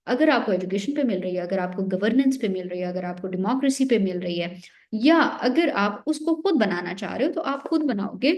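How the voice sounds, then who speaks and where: A young woman gives an exam-prep lecture in a fairly high voice. She walks through each point step by step, often posing a question and answering it herself. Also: a little mellow. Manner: explains step by step, often asks and answers her own questions. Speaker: teacher.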